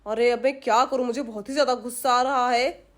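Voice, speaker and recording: A woman's voice: on the high side, fairly even intonation, fairly quick, pitched below the performer's own voice, close to an everyday voice. A woman voicing a greedy male village thief who mutters his plans to himself and gloats.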